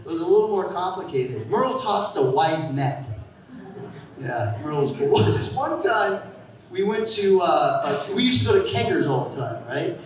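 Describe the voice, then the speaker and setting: Stand-up comic, man, fifties, high voice, rambling anecdotes, heard from afar in a roomy club. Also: sing-song, normal speed. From San Francisco Bay Area. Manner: rambling storytelling with bursts of shouted character voices. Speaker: stand-up comedian. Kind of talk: stand-up set. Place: comedy club stage. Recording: echoey club sound from a distant mic.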